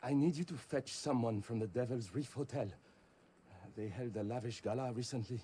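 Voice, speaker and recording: An actor playing an unsettling male translator who blinded himself, speaking English with a French accent in a calm, measured way. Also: mid-range voice, a little hiss or hum, close to an everyday voice. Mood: eerie calm. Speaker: game character. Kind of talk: video game voice acting.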